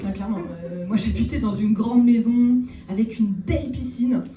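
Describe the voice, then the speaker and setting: A woman doing a stand-up comedy set on stage, chatting with the audience and slipping in deadpan ironic asides. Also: a little high, moderate pace. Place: theater stage before a live audience. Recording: roomy echo, distant mic, audible room noise.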